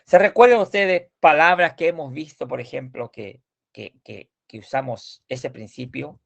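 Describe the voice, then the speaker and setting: A male language teacher speaking slowly with a deep gravelly fry in his voice. He drills pronunciation point by point and patiently corrects his students, repeating words again and again. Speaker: Swedish teacher. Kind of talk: online class explanation.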